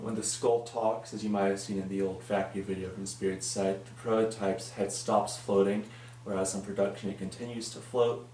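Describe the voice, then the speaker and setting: A man with a lowish, slightly mellow voice presents his collection of animatronic props, showing and comparing them. His commentary is casual, understated and matter-of-fact, with slight background noise.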